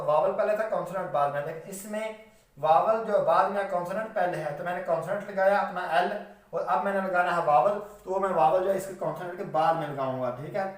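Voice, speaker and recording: A man teaches shorthand in a patient, repetitive classroom manner, often stopping to check that students follow and spelling words out slowly. His voice sits fairly high for a man. He sounds set back from the mic in a strongly echoing room. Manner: patient, repetitive explaining, frequent "theek hai" checks. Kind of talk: classroom lecture. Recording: very echoey room, voice from a distance.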